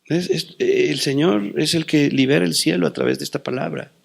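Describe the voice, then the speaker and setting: Gravelly-voiced man preaching a dramatic sermon. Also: on the high side, normal speed. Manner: dramatic preaching, swinging between loud declarations and hushed asides; quotes scripture and tells personal stories. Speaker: pastor.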